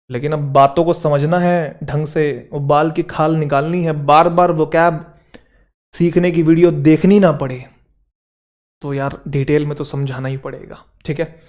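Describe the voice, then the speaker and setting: A man's voice: on the high side, darkish tone. A man, teaching an English vocabulary lesson for exam students in Hindi mixed with English words, checking that his students follow along.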